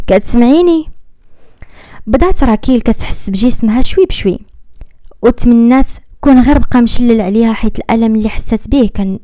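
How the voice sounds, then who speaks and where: A woman with a Moroccan accent narrates a dramatic love story in a measured, theatrical way. Her voice is mellow and warm, and the recording is dry and close, with no room sound. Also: mid-range voice, no room sound. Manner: measured and dramatic, slowing at tense moments.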